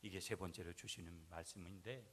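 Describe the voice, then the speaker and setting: A male pastor preaching a sermon, swinging from quiet asides to loud, rising climaxes and having the congregation repeat lines after him. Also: low-pitched, steady tone, a little fast, husky. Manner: swings from soft asides to shouted peaks, has the church repeat after him.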